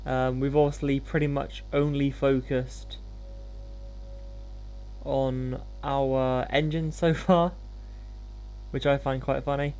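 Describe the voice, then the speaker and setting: A man's voice: medium pitch, flat delivery, slow, pauses often, a little mellow. A man hosting a gaming livestream, talking in an informal, laid-back, self-deprecating way as he commentates. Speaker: live streamer hosting gameplay.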